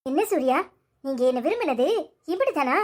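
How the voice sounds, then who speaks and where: A woman's voice: sits high, very animated, a little fast, darkish tone. A woman voicing a pregnant young wife in a cartoon story, pleading and reproachful with her husband. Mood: hurt pleading.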